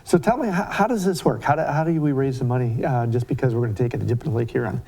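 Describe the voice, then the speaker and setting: Male interviewer, brisk delivery, warm dark timbre, chatty and casual. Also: mid-range voice, vocal fry. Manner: chatty, with tag questions.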